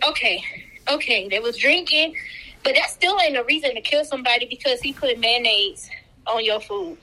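Bright, lively woman swearing bluntly. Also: high voice, normal speed, rough recording. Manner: blunt, swears freely, laughs at her own slips. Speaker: co-host. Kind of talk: casual celebrity news chat.

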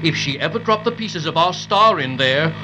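A man's voice: a little high, animated, normal speed, over music, close to an everyday voice, rough recording. A man voicing a pompous, affable dragon who talks in flowery long words in a children's radio serial. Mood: superior, musing. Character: pompous, affable, wordy male dragon sidekick. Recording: old 1930s radio recording.

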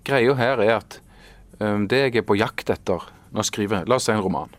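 A man's voice: fairly low pitch, no room sound. A man in his forties, an artist talking in an interview, thoughtful and searching for words with many fillers and restarts. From Norway. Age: 40s. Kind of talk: casual interview conversation.

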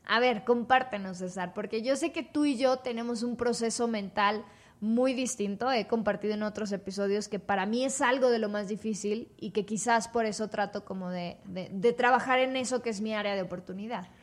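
A woman with a Mexican accent hosting a podcast, speaking in a lively, reflective and self-deprecating way. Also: medium pitch, a little fast. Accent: Mexican Spanish. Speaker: podcast host. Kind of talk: casual podcast chat.

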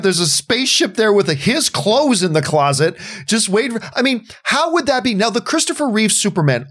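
A man on a podcast panel, talking passionately and emphatically, with an occasional curse. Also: high voice. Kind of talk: casual podcast discussion.

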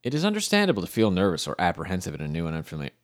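Young male narrator, very low-pitched, reads game text aloud with a laid-back joking tone. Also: wildly swooping pitch, racing. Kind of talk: reading out AI-generated game narration.

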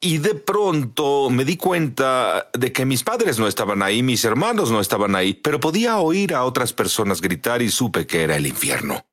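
A man's voice: mid-range voice, sing-song, moderate pace, hardly any pauses, fairly bright tone. A middle-aged man telling his story in earnest as a guest on an interview show. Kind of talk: dubbed testimony interview.

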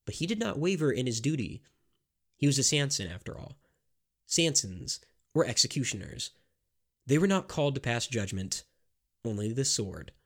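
A man narrating a scripted history story in a measured, grave storytelling manner. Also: medium pitch, big pitch swings.

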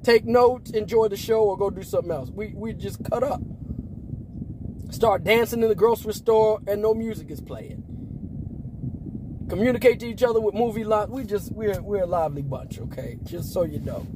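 A man in his forties from Las Vegas who talks like a preacher in a relaxed way. He uses slang, laughs often, and sometimes breaks into emphatic shouts. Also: high-pitched, normal speed, background noise. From Las Vegas, Nevada, US. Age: 40s. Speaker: preacher and podcast host. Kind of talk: casual preaching talk.

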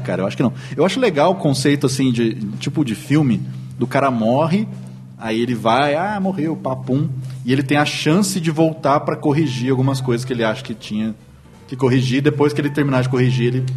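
A man's voice: medium pitch, a little mellow. A man with a Brazilian Portuguese accent co-hosting a casual podcast chat over drinks, full of sarcastic wisecracks. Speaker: podcast co-host.

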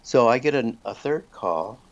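A man's voice: mid-range voice, expressive, measured pace, vocal fry, no echo. A man from the United States, a guest author telling a personal story in a radio interview, rambling and restarting his sentences often. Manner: rambling, with frequent restarts and repeated words. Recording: dull lo-fi sound.

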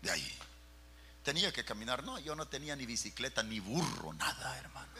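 Fervent pastor preaching. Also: male voice, mid-range voice, big pitch swings, a little fast, bright, forceful tone, slight background noise. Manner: fervent, dramatic, keeps addressing listeners as brother. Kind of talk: storytelling sermon.

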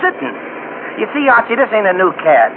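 An actor playing a dim-witted, good-natured cab driver with rough, slangy New talk who mangles big words, in 1940s radio comedy style. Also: male voice, high-pitched, wildly swooping pitch, brisk, exaggerated voice. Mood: dopey. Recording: muffled old radio broadcast with hiss.

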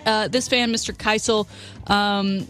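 A woman's voice: mid-range voice, steady tone, unhurried, a bit bright. Opinionated woman talking sports over faint music. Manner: opinionated, conversational. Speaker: sports radio co-host. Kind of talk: casual sports talk.

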